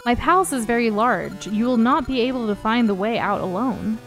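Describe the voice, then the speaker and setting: A woman's voice: fairly high pitch, normal speed, faint music behind, close to an everyday voice. A woman voicing a haughty, grand queen's court from a video game, reading the dialogue aloud in character. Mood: imperious.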